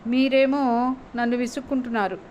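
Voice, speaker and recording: A woman's voice: on the high side, steady tone, fairly quick, darkish tone, muffled recording, a little hiss or hum, lightly acted. A woman voicing a sweet-talking, teasing young wife in a spoken story, her tone sugary and mock-pleading. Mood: coaxing, pleading.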